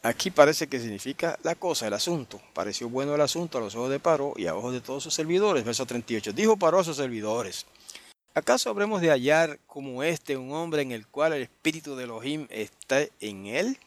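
A man teaching an online Bible study at a middle pitch. He reads each verse aloud and then explains it, thinking aloud as he goes. He keeps checking in with his listeners along the way. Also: expressive, fairly quick. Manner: thinks aloud with restarts and asides. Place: online group meeting.

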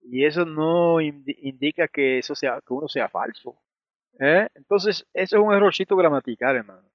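A man's voice: fairly high pitch, normal speed, no room sound. A man teaching a Bible study, explaining the text at length and often asking rhetorical questions. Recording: dry, dull lo-fi sound.

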